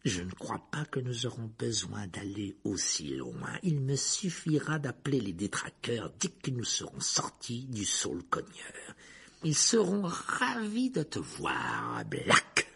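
A man voicing a cold, spiteful middle-aged professor who drawls slowly and then shrieks in rage. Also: on the low side, wildly swooping pitch, vocal fry, a bit bright, husky, full character voice. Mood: silky menace. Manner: slow, silky menace that breaks into shrieking rage.

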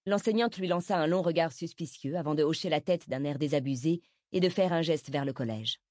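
A woman reading a novel aloud as audiobook narrator, steady and measured. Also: deep voice, dry recording, clean studio sound.

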